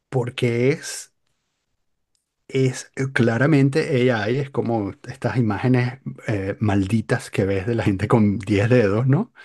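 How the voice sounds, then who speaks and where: A young man in casual chat, telling a story in an animated, exaggerated way. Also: medium pitch. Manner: animated, hyperbolic storytelling with mock voices.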